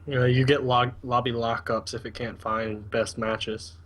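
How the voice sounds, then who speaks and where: A man's voice: mid-range voice, level tone, unhurried. A man chatting casually as a co-player over a voice call during a video game. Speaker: co-player and guest commentator. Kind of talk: casual gaming chat.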